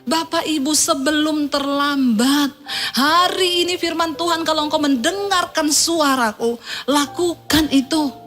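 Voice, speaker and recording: A woman's voice: sits high, pushed and bright. A woman pastor preaching an impassioned sermon, speaking straight to her congregation. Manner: impassioned, addressing the congregation directly.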